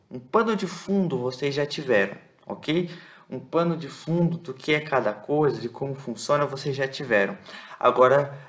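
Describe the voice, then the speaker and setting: A man teaching a lesson. He explains patiently, repeats words slowly and keeps checking that his listeners follow. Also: medium pitch, a bit bright. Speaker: Bible Greek teacher.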